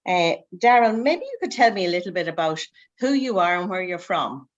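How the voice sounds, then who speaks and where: A woman's voice: lowish voice, very animated, a little fast, highs cut off. A woman hosting a casual recruitment podcast interview, chatty and upbeat as she asks her guests questions.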